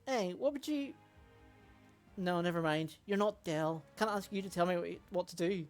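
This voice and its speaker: A woman's voice: on the low side, moderate pace, lightly acted. A woman voicing a brash, conflicted young male mercenary in a game, her exclamations jumping up sharply, over faint music. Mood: troubled.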